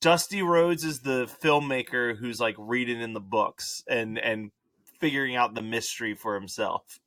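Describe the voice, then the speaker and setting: A man's voice: medium pitch, moderate pace, fairly bright tone. A man guesting on a podcast, bantering playfully about a movie in casual chat.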